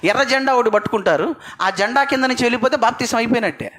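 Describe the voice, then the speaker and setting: A man's voice: very high voice, rapid-fire, fairly bright tone. A man preaching a sermon to a congregation, asking them questions and repeating phrases for emphasis.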